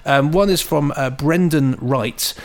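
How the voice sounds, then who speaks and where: Another chatty, jokey co-host from England reads out emails from listeners on a podcast. His voice sits a little high, and he keeps a measured pace.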